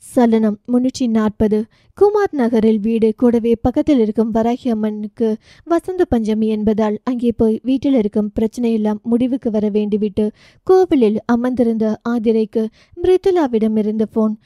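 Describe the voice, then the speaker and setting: A woman's voice: a little high, moderate pace, mellow, no echo, clean studio sound. A woman with a Tamil accent reading a romance audio novel aloud, with emotive storytelling.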